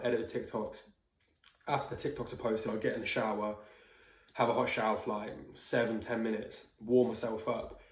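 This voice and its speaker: A man's voice: mid-range voice, darkish tone. A man talking casually and informally to camera as a vlogger, sometimes swearing, giving a personal check-in. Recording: roomy indoor echo.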